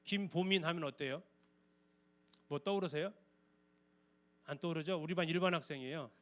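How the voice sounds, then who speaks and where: High-voiced man teaching a Bible class. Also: moderate pace, fairly bright tone. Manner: keeps asking the audience questions; conversational and explanatory. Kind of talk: church Bible lecture.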